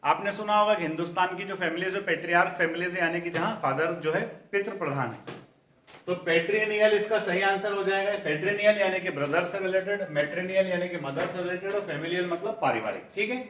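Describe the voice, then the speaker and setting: A man with an Indian accent, teaching English vocabulary for an exam-prep class. He calls his students children, keeps asking them for the answer, and reads the English definitions slowly. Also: high voice, a bit bright, recorded from a distance, a little hiss or hum. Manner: addresses students as children, drills answers by repeating questions. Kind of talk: online coaching lesson. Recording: roomy echo, voice somewhat off-mic.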